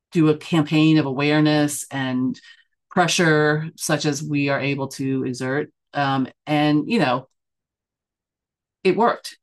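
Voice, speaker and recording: A middle-aged woman from the United States, talking through an interview in a thoughtful way, full of fillers and self-corrections. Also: low voice. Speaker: church member and news editor being interviewed. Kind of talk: casual conversational interview.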